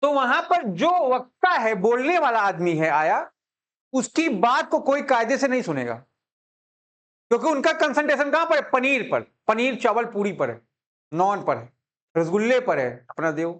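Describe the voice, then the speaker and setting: Man, commerce teacher, classroom lecture, joking and chatty, very expressive pitch. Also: normal speed. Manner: chatty, joking, checks understanding constantly.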